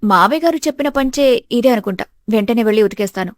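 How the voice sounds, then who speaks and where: A woman's voice: on the high side, animated, fast, no echo, clean studio sound, lightly acted. A woman voicing an earnest, wronged young daughter-in-law in a storybook tale. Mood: pleading. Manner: earnest, pleading.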